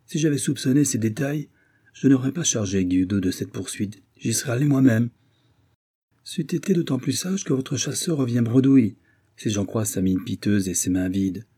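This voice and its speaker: An eager young diplomat speaks briskly in an audiobook, voiced by a male reader. His voice is a bit raised from the reader's low, dark tone. It stays husky. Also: close to an everyday voice.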